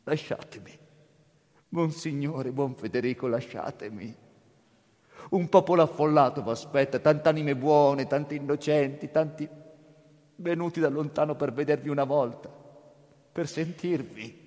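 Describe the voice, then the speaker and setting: A man's voice: fairly high pitch, unhurried, a little mellow, natural voice. A man voicing a tormented, repentant nobleman who pleads in anguished, breaking outbursts. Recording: long hall reverb.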